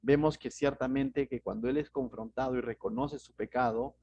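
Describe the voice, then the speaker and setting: A man's voice: medium pitch, steady tone, moderate pace, a little mellow, lo-fi sound, a little hiss or hum. A man with a Peruvian Spanish accent, a pastor giving verse-by-verse Bible teaching in a conversational way, often asking rhetorical questions.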